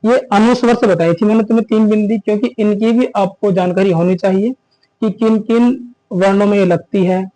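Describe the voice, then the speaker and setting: High-pitched male tutor with a mellow tone, runs an exam-prep class, drills terms by asking and answering. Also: fairly even intonation, low-quality recording. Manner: repeats key terms as questions to students; slows down to stress terms. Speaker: teacher. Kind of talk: exam-prep grammar lesson.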